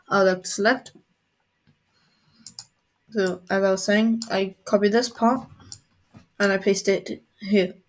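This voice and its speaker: Woman explaining a coding tool. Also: mid-range voice. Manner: plain step-by-step explaining. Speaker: coding tutor. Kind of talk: screen-recorded software tutorial.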